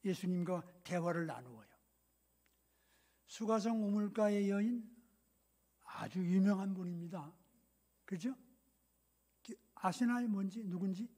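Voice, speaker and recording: A middle-aged male pastor preaching a sermon, swinging between loud scolding quotes and hushed, whispered asides. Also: high-pitched, animated, unhurried, long pauses.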